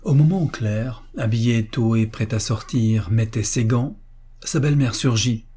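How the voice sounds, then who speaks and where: A man narrating a literary story as an audiobook, reading in measured phrases. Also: medium pitch, warm tone, breathy edge.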